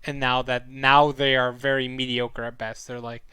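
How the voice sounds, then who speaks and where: Medium pitch, a flat delivery at a moderate pace, and a sharp but smooth tone mark this young man's voice, with no room sound. He hosts a casual weekly esports review on a live stream, rambling with frequent fillers and self-corrections while his sore throat leaves him losing his voice.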